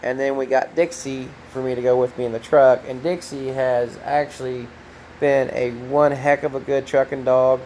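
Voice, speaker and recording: Soft-spoken, halting man. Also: medium pitch, little pitch movement, a little hiss or hum, poor audio. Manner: soft-spoken, halting, many ums and restarts. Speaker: trucker vlogger. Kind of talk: casual heartfelt talk to camera.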